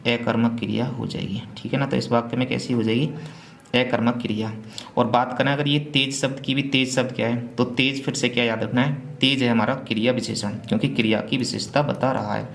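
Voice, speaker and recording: A man's voice: mid-range voice, steady tone, brisk, gravelly, fairly bright tone. A man teaching a Hindi grammar revision class, asking questions and answering them himself. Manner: asks and answers his own questions. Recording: echoey room with faint hum.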